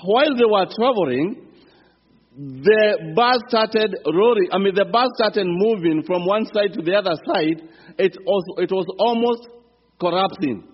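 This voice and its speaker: With a high, breathy-edged voice and a Kenyan accent, this visiting pastor from Kenya delivers an earnest sermon that builds in fervor, occasionally halting and starting over. He's preaching in a church sanctuary, and the audio sounds dull, echoing through the reverberant hall.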